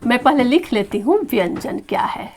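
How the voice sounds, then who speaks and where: A woman teacher giving a grammar lesson to young children, patiently repeating each sound and saying it slowly. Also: fairly high pitch, expressive, darkish tone, slight background noise. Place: classroom or home study with a board.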